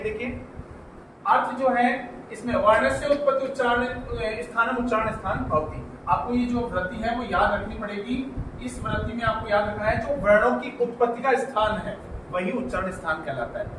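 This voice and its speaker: A man's voice: very high-pitched, noisy background. A male teacher giving an exam-prep grammar lesson. He repeats key points as questions and then answers them. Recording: roomy echo, from a distance.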